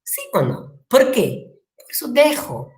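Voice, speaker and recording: A teacher from Peru gives a lively classroom lecture in a Peruvian Spanish accent, acting out quotes and asking the class questions. Her voice is on the high side and she takes her time.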